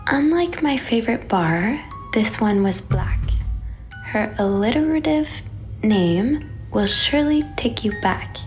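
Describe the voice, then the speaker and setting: Game role: a wry young hotel maid with a curious streak, dry asides, higher voice, music under. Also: female voice, lively intonation, a little slow. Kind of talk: video game voice acting.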